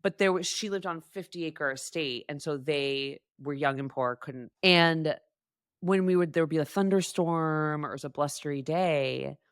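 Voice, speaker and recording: A woman with a low voice, trading playful stories on a podcast. She speaks close to the mic in a dry, dead room. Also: moderate pace, clean tone, dry recording. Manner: playful, jumps into funny asides. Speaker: podcast co-host. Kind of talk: casual conversation.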